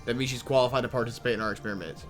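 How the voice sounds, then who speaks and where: A mid-pitched man reads a visual novel aloud for his channel, often tripping over words and backing up to try again. He mutters little complaints between lines in a casual, unpolished way. Soft game music plays faintly underneath. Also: fairly even intonation, racing. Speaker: let's play host reading a visual novel aloud. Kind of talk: reading game text aloud with casual asides.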